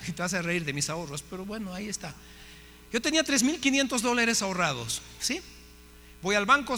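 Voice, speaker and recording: A man, a pastor, telling a story in a sermon with lively acted-out dialogue. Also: high-pitched. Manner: animated storytelling, acting out dialogue. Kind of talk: sermon testimony. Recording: hall reverb, faint hum.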